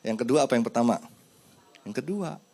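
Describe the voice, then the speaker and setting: Animated pastor preaching. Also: male voice, mid-range voice, fairly quick, vocal fry. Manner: animated, acts out dialogues with God and children. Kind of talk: sermon.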